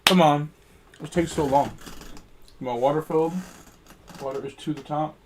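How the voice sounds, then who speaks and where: A man chatting casually on a live stream, rambling and relaxed while he snacks and races. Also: on the high side, moderate pace, a little hiss or hum, low-quality recording. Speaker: sim racing streamer. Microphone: headset.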